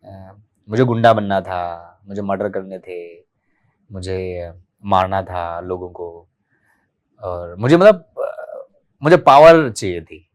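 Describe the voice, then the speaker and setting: A man in his thirties from Delhi, a podcast guest telling his life story in a candid, animated way and acting out remembered dialogue. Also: deep voice, takes it slowly. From Delhi, India. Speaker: podcast guest, martial arts practitioner.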